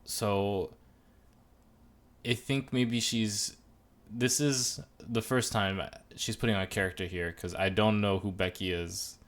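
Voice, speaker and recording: A man's voice: fairly low pitch, takes it slowly. A man co-hosting a podcast, chatting casually and rambling through jokes and opinions. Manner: joking, rambling, animated asides. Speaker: podcast co-host reviewing a TV show. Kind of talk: casual chat.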